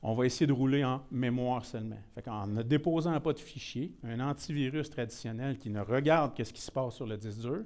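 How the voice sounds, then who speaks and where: Talking a little fast with hardly any pauses, a medium-pitched Québécois presenter gives a technical security workshop in a darkish tone. He stays casual and self-deprecating, restarting often and weaving English words into his Québécois French.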